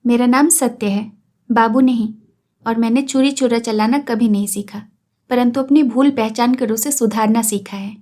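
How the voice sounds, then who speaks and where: Woman voicing a calm, stern young man. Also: on the high side, close to an everyday voice. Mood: firm. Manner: even, measured, firm. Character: calm, proud young man refusing firmly.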